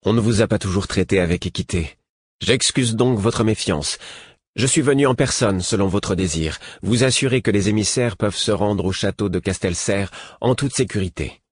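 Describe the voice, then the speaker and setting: A man voicing a young prince who speaks in a calm, composed and polite way. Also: on the low side, normal speed, slightly rough, dry recording.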